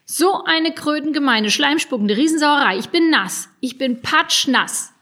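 A woman's voice: fairly high pitch, lively intonation, normal speed, slightly rough. A woman voicing a grumpy male forest kobold over a hundred years old, indignant and lecturing, in a storybook reading.

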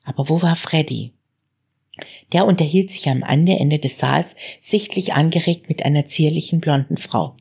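A woman narrating an audiobook in a calm, measured reading. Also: low voice, gravelly, slightly rough.

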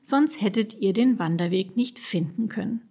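A woman's voice: mid-range voice, lively intonation, moderate pace, dark tone, husky. A woman voicing a grumpy male forest kobold over a hundred years old, indignant and lecturing, in a storybook reading. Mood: explaining.

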